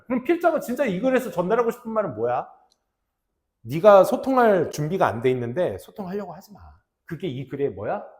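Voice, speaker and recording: A young adult man gives a classroom lecture on English reading in casual speech. He often drops into low mutters and acts out what students would say.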